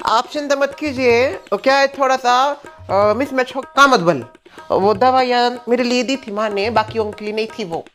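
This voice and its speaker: A man's voice: very high-pitched, normal speed, fairly bright tone, faint music behind. A man playing a naive, chatty young daughter-in-law in a comedy sketch. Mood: defensive.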